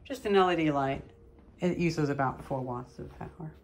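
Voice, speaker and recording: A young adult woman, a hobbyist vlogger, chats casually and off the cuff in her living room, musing aloud as she demonstrates old light bulbs. Her voice is low and darkish at a moderate pace, recorded on a home camera with clear background noise.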